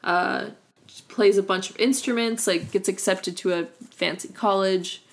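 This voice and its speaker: A woman's voice: mid-range voice, fairly even intonation, unhurried. A young woman chatting casually as a podcast co-host, filling her talk with "like" and "um". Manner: chatty, many fillers of like and um. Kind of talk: casual chat about a cartoon.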